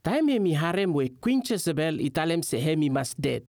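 A man's voice: fairly high pitch, sing-song, a little fast, a little mellow, no room sound, studio quality. A man with a Vanuatu Melanesian pidgin accent, giving a Bible teaching talk as a religious teacher.

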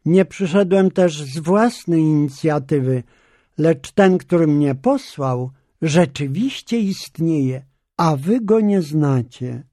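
A man reading Jesus, solemn and unhurried. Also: on the high side, lively intonation, mellow, dry recording, studio quality. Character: Jesus, a calm male teacher speaking with authority. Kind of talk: scripture reading.

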